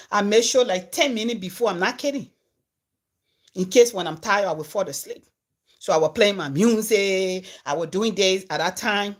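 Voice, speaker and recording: A Liberian comedian and content creator tells her followers a story, her mid-range voice casual and animated as it swings between loud and hushed.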